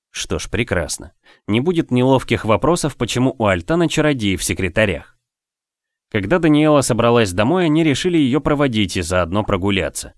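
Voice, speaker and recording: A man narrating a fantasy audiobook with steady, expressive storytelling. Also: fairly low pitch, no room sound, studio quality. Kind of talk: scripted narration.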